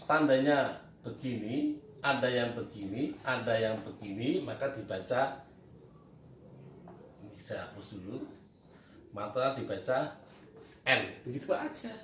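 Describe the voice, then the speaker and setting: A man teaching Quran reading at a board, patiently asking questions and answering them himself. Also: medium pitch. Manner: patient, repetitive, asks and answers his own questions. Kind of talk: whiteboard reading lesson. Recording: echoey room, distant mic, faint noise.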